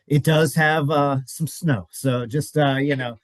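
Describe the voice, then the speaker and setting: A man's voice: on the high side, fairly even intonation, unhurried, dry recording. A man hosting a podcast interview, friendly and encouraging with hesitant fillers. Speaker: podcast host.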